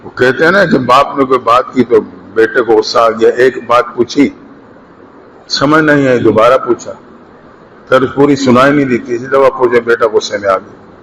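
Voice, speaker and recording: A man delivering a sermon as an Islamic preacher, impassioned, rising to emphatic peaks and then dropping low. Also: fairly bright tone, slight background noise, poor audio. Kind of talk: Urdu sermon.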